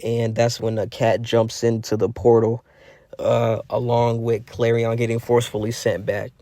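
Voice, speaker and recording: A young man telling a fan-made story off the cuff, rambling and restarting as he goes. His voice sits at an ordinary male pitch. The sound is dry and close, with no room echo. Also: monotone, moderate pace, warm tone. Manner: rambling, heavy fillers and restarts. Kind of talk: casual improvised storytelling.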